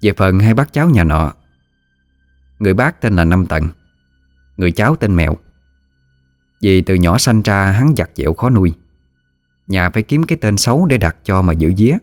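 A man narrating a ghost story in a steady storytelling manner. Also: low voice, moderate pace, pauses often, no room sound, studio quality. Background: soft music.

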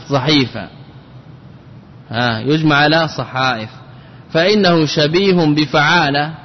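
A man's voice: on the high side, in a large hall, lo-fi sound. A man, a sheikh, teaching an Arabic grammar lesson, repeating word forms and checking his students with questions.

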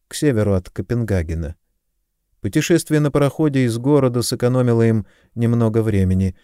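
A man narrates a novel in a calm, measured audiobook reading. His voice is low and mellow. The recording is dry and close. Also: dry recording. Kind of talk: scripted narration.

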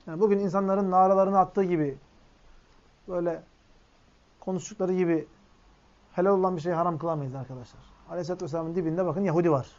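Speaking in a somewhat high yet darkish-toned voice, a man preaching Islam quotes Arabic texts and walks through them one line at a time. He refers to his audience as friends, and the audio sounds lo-fi and dull.

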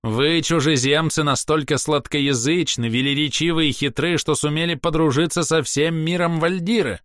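A haughty elf with a ringing voice, pitched well above the reader's own and declaiming every phrase, as a male narrator puts him on. He is grandiose, capricious and full of spite. The reading is dry and close. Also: normal speed, a bit bright, no echo, natural voice. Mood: indignant. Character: proud theatrical elf man, spiteful and vengeful.

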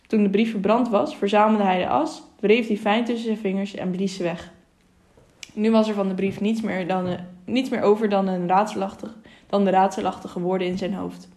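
A woman narrating an audiobook in a steady, measured reading voice, with small self-corrections. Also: medium pitch. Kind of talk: storybook narration.

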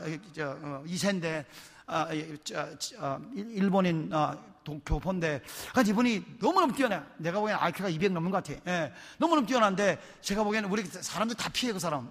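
A man, a pastor, telling stories in a lively, chatty sermon in a church. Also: sits high. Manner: animated, chatty, laughs while telling. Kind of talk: sermon storytelling. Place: church sanctuary. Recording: long church hall reverb.

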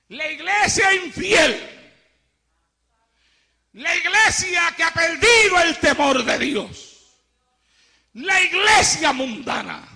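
A male pastor giving an impassioned sermon, shouting fiery lines and then dropping to low, quiet asides. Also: gravelly.

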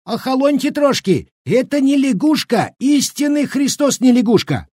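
A man voicing a sly, boastful old Cossack cook with a squeaky, rustic, bickering voice. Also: big pitch swings, measured pace, a little mellow, husky, no room sound, clean studio sound, full character voice. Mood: indignant. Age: older.

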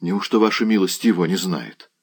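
A man's voice: sits low, normal speed, slightly rough. A man reading an audiobook, voicing a young male servant lad who talks in a rustic, exclaiming, pleading way. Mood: frightened. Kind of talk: audiobook character voice.

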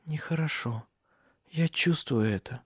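A man's voice: fairly high pitch, unhurried, slightly rough, no echo, clean studio sound, voice pushed up. A man voicing an injured, grieving young noblewoman who speaks faintly and breathily. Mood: weak, whispering.

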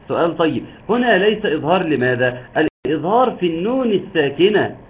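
A man teaching Quran recitation rules in an online lesson, explaining patiently step by step and drawing out words to demonstrate. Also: a little high. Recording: tinny phone-like line with faint hiss.

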